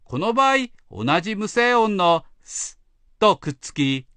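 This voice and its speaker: A man explaining pronunciation rules as an English teacher, slow and careful. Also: high voice, big pitch swings, sharp tone, smooth, no room sound. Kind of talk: instructional narration.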